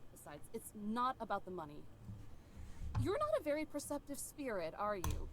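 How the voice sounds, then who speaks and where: A woman's voice: on the high side, sing-song, moderate pace, crowd noise. An actress voicing a stubborn young female park ranger who answers with dry, sarcastic retorts.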